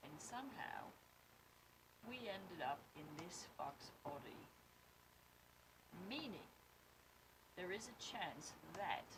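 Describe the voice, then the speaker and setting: A tipsy woman playing a tabletop game, joking around and swearing casually. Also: on the low side. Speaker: player. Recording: noisy stream audio.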